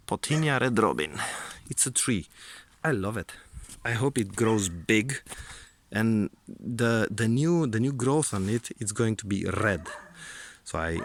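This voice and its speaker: A man giving a casual, unscripted garden tour outdoors, hesitant and often repeating his words as he goes. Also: lowish voice. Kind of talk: casual unscripted vlog narration. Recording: clear background noise outdoors.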